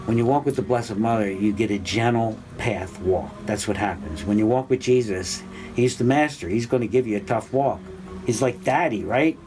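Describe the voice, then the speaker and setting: A man's voice: moderate pace, faint music behind, poor audio. Older man teaching a rambling spiritual class. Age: 60s. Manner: rambling, conversational, frequent fillers and restarts; grows animated and high-pitched when excited. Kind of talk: informal religious class talk.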